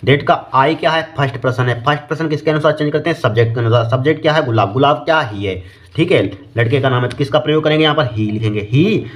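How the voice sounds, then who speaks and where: Guy teaching exam prep, keeps asking then answering himself, reads questions out slow. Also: medium pitch. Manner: repeats "here" and "okay" constantly, asks and answers his own questions; reads English questions slowly, word by word. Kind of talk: exam-prep lesson, solving a paper.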